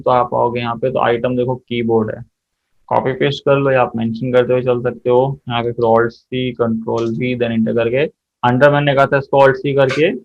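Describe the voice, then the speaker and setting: A man leads a practical accounting lesson, talking his students through every click. He stops often to ask them what comes next. His voice sits at an ordinary pitch and sounds a little muffled and lo-fi. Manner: explains step by step, often checks students' answers. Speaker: accounting teacher. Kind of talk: software tutorial lesson.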